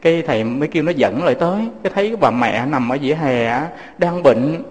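A man's voice: on the high side, lively intonation, quick pace, big-room sound. A Southern Vietnamese man, a Buddhist monk, giving a fatherly sermon full of personal stories and speaking to his listeners as his children.

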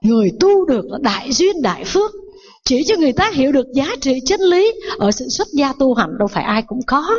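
A woman's voice: sits high, big pitch swings, brisk, darkish tone, muffled recording. A Buddhist nun giving a sermon, telling a parable and asking her listeners rhetorical questions.

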